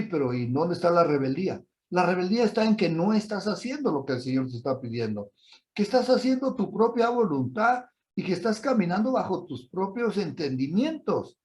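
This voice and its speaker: A man preaching a sermon, telling a personal story and then asking listeners emphatic rhetorical questions. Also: high voice.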